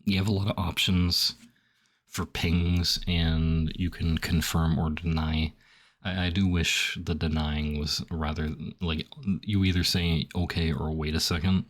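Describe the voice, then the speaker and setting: A young male gaming streamer with a very deep, slightly phlegmy voice chats loosely while filling out a survey. He rambles, leans heavily on "like," and reads the options aloud before reacting to each one.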